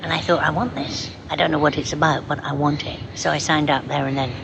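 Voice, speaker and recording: A woman's voice: deep voice, steady tone, quick pace, creaky, highs cut off, noisy background. A woman from London telling her story in a heartfelt, direct way. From London, England. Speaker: mother, course graduate. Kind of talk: testimonial interview.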